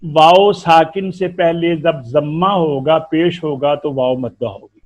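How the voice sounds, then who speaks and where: A man's voice: fairly high pitch, slow. A man with an Urdu accent teaching a tajweed lesson, explaining patiently and stretching out syllables to demonstrate sounds. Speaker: Quran recitation teacher.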